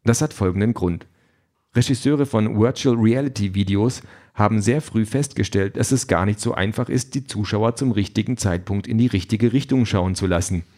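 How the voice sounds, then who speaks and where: A man's voice: fairly low pitch, moderate pace, dark tone. A man narrating an audiobook in a dry, wry storytelling manner. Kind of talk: scripted narration.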